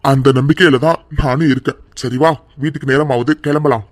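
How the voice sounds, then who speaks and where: A man's voice: medium pitch, steady tone, a little fast, natural voice. A man voicing a bitter, humiliated husband in a cartoon serial who scolds his wife harshly. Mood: angry scolding.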